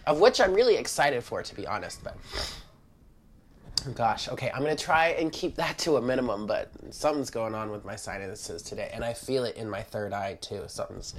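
With a stuffed-up, medium-pitched voice, a tarot reader talks directly to her audience while laying out a spiritual reading at an indoor table. The delivery is brisk and casual, with lively intonation.

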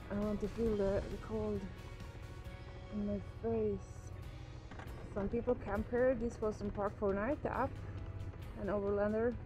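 A woman's voice: mid-range voice, rough recording. A woman from Sweden, narrating her motorcycle trip as a travel vlogger in a chatty, easygoing way, thinking aloud. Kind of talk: casual vlog narration. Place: outdoors on a road trip. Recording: music playing under the voice. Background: music.

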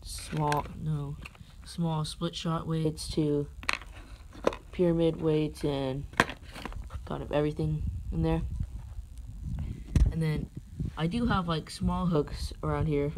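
Slowly and with long pauses, a man with a fairly high, level voice casually walks through his fishing gear at home, unsure and rambling as he goes. It's an unscripted show-and-tell shot with a phone camera over the tackle in a carpeted room, with clear background noise.

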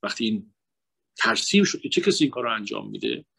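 A man giving a religious lecture that blends psychology with sermon, swinging between raised emphatic phrases and hushed asides in a lively, emotional address to the audience. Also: fairly low pitch, creaky, slightly rough. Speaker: guest lecturer at a religious mourning night.

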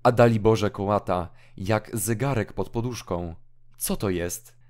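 An eager little child full of wonder, as a man reading the play puts him on. The voice is pushed up high and asks questions excitedly, over a speaker who is naturally deep and slow. It is an audiobook drama reading. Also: lightly acted.

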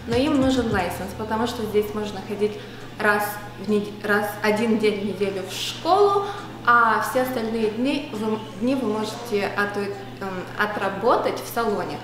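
A woman's voice: mid-range voice, animated, normal speed, a crowd in the background. A woman who is a cosmetology student, explaining the program carefully with some hesitations. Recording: echoey room with music.

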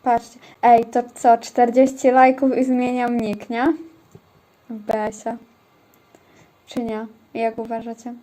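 A woman with a fairly high voice chats casually on a game livestream, answering her viewers and teammates as she plays. She talks at an unhurried, easygoing pace. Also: little pitch movement, mellow. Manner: chatty, talks to chat and teammates. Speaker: game streamer. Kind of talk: casual livestream chat while gaming.

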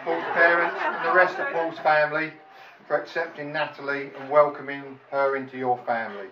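A middle-aged man gives a prepared wedding speech as father of the bride, halting and self-deprecating. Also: a little high, little pitch movement, crowd noise. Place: large function room at a wedding reception. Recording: echoey room, distant mic, muffled, loud noise.

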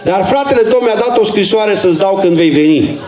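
A man voicing a stern judge who speaks in a grave, measured way. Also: sits high, animated, a little mellow, roomy sound, poor audio. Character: stern, regretful male judge.

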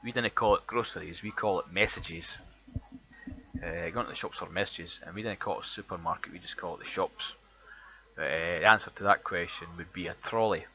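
A man's voice: sits low, brisk, bright, forceful tone, breathy edge, muffled recording. A man with an Edinburgh Scottish accent, casually chatting and swearing freely as he reads through a word list for an accent tag vlog. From Scotland. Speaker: vlogger.

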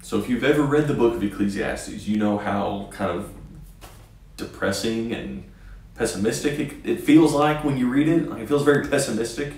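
A man's voice: mid-range voice, normal speed, darkish tone, distant mic. A man in his thirties, a church presenter, talking casually to camera with fillers and gestures. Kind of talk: casual video talk. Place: small indoor room. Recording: echoey room from off-mic, faint music.

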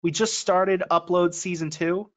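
A man co-hosts a podcast in relaxed conversation, using a headset on a video call, laughing a lot and acting out quoted lines. His voice sits high, with a steady tone and an unhurried pace. The video call audio is dull and lo-fi.

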